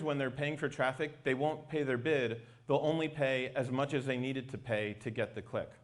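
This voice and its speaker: A man giving an explanatory technical talk as a company presenter. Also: mid-range voice.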